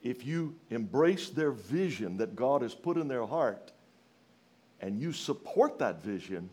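A man from rural Louisiana with a Southern US accent, preaching a sermon in a folksy, emphatic way, putting questions to his listeners and moving between raised exclamations and hushed phrases. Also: mid-range voice, sing-song, unhurried, breathy edge. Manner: folksy, rhetorical questions to the congregation.

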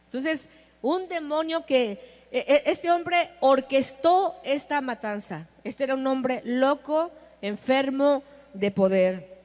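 A woman preaches a sermon in a high voice, taking her time over each phrase. She stresses her points and turns to the listeners with questions. A long reverb trails after her words. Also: slow pace, a little mellow. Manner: emphatic, asks the audience questions.

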